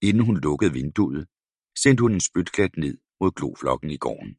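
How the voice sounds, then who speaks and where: A man narrates an audiobook in a calm, measured way. His voice is very low and gravelly, with lively rises and falls through the story. The recording is dry and close. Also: no echo. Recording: dry close studio sound.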